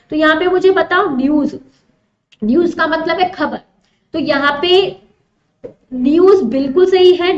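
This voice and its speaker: A woman teaching English grammar in an online exam-prep lesson, explaining step by step, mixing Hindi with English terms and asking her students questions. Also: high voice. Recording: roomy, dull lo-fi sound.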